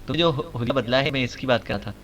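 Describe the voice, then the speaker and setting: A man's voice: medium pitch, fairly bright tone, a little hiss or hum, lightly acted. A man voicing a middle-aged father, an official who talks in an amused, good-natured way. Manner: amused, then grave and sorrowful.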